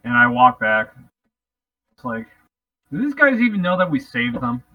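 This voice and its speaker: A man's voice: mid-range voice, huge pitch swings, normal speed. A man playing a tabletop game in character, joking and wry. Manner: wry, joking, laughs often. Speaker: player. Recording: distant muffled mic.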